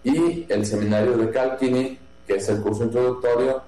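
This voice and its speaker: A man from Jalisco, a priest who runs a seminary, answering interview questions slowly, with many pauses, fillers and restarts. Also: medium pitch, steady tone, mellow. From Mexico, Jalisco. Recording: echoey room with mains hum.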